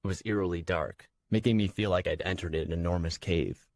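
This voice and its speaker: A man reading a fantasy audiobook in first person, with measured, even storytelling. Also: sits low. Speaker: audiobook narrator. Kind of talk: scripted first-person narration.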